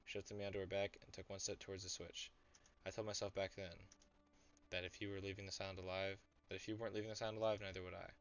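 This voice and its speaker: A man's voice: low voice, little pitch movement, fast talker. A young man streaming a story game, reading the narration aloud and chatting to viewers between scenes. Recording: dull lo-fi audio, faint music.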